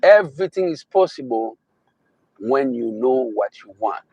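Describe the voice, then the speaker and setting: Man, Haitian accent, motivational talk, repeats for emphasis, unhurried delivery, dull lo-fi sound. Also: medium pitch, expressive, gravelly, husky, dry recording. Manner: emphatic, repeating phrases, slow drawn-out stresses. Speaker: motivational speaker.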